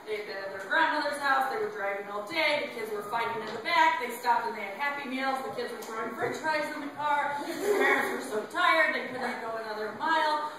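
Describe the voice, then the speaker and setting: A woman principal telling a spooky campfire story to a class of children in an animated, dramatic way, recorded from afar in a classroom. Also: fairly high pitch, brisk, hardly any pauses, heavy reverb, distant mic, background noise. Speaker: school principal. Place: school classroom.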